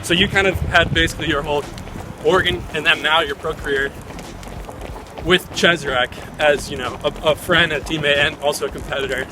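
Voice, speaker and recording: High-voiced man interviewing while running. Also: fairly even intonation, fairly quick, background noise. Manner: talking while running outdoors. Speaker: show host, interviewer. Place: outdoors, on the move. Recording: outdoor, distant mic under loud music.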